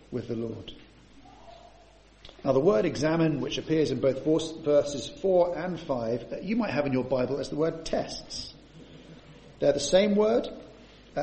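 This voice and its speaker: A man's voice: on the high side, dark tone, echoey room, slight background noise. A man preaching a sermon to his congregation, often adding rhetorical tag questions.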